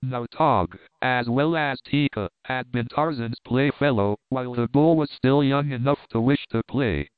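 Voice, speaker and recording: A man giving a steady, measured reading of an adventure storybook. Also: medium pitch, smooth, no room sound. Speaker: audiobook narrator. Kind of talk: scripted story narration. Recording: narrow phone-like sound.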